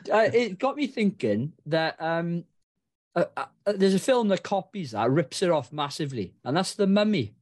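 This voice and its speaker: A man's voice: high voice, big pitch swings, normal speed, a little mellow. Hesitant man, stammering. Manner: hesitant, full of ums and stammers. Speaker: podcast co-host. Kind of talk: casual film-review chat.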